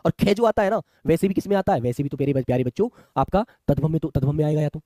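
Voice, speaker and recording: A man's voice: a little high, animated, fast, mellow, no echo, studio quality. A man teaching a live online exam class, chatty, often calling students his children and asking them to answer.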